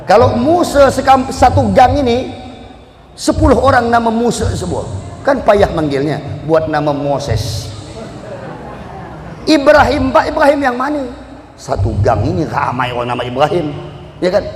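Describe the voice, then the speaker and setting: A male preacher from the Bugis region, giving a lively, joking sermon and chanting Arabic verses in a drawn-out sing-song. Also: a little high. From Bugis, South Sulawesi. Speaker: Islamic preacher. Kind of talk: sermon to a live congregation. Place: large hall at a religious gathering. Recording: echoey hall with long reverb.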